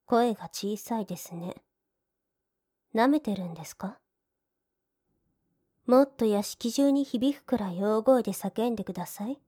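Woman voicing a coolly polite maid, sneering, mocking, slightly high, mellow tone. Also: a little slow, pauses often, husky. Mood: mocking commands.

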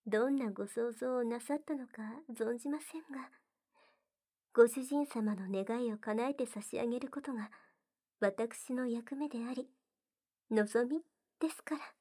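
A woman voicing a gentle, devoted young maid in an ASMR roleplay, speaking softly and very formally, often in a whisper. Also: a little high, normal speed, close to an everyday voice. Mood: coaxing. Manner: soft-spoken, very formal polite speech, often whispered.

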